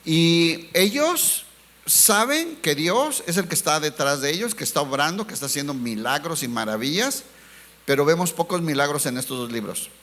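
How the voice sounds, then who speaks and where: This man preaches as a pastor in an expressive, slightly bright voice that runs on the high side. He throws rhetorical questions at the congregation, refers to them as brothers, and eases his pace to emphasize important words.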